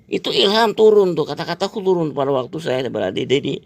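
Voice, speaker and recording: A man's voice: a little high, sing-song, fast talker, vocal fry. A man, telling a long rambling story and dropping "gitu" and "Pak" again and again. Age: 70s. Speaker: exercise teacher. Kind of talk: casual storytelling to an interviewer.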